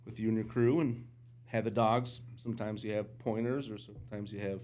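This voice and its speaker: Low-voiced man telling hunting stories. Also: a little fast, slight background noise. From United States. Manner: animated storyteller, jumps into quoted voices. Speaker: podcast guest, outdoorsman. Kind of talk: casual storytelling chat.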